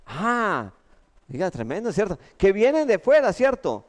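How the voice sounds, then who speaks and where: A Colombian man preaching a lively sermon with humorous stories, often checking in with the congregation. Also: high-pitched, a little slow. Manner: animated, keeps asking the congregation "¿cierto?". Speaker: pastor. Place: church.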